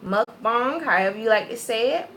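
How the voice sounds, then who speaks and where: Bright, high-voiced woman hosting a food chat. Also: unhurried, slight background noise. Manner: friendly, chatty, with fillers while describing food. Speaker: mukbang vlogger host. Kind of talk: casual eating-show chat.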